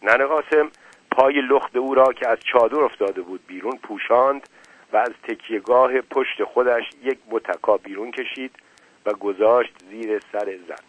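A man reading a story aloud in a steady, plain narrating voice, in a dry, phone-like recording. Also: mid-range voice, no echo. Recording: dry, phone-like narrow sound.

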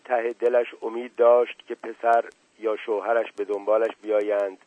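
A man narrating a literary audiobook in a steady, measured reading. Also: lowish voice, no room sound. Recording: tinny, dry, phone-like sound.

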